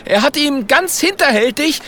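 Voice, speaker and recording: A man voicing an eager, earnest young knight in a children's storybook, with a high, agitated voice. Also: lively intonation, moderate pace, sharp tone, a little hiss or hum, full character voice. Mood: earnest urgent.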